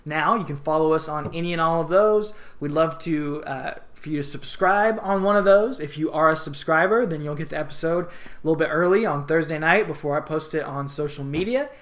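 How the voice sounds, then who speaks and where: A man's voice: on the high side, fairly quick, a bit bright. A man co-hosting a podcast in casual chat, upbeat and reading out plugs with lots of filler words. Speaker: podcast co-host.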